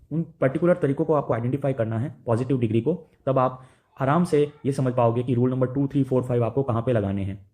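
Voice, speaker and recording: A man with an Indian accent walks through grammar rules like a patient teacher. His voice is mellow and dark, and he keeps checking in with the listener as he goes. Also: medium pitch. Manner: explains step by step, often asks "right?". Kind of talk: Hindi-English grammar lesson.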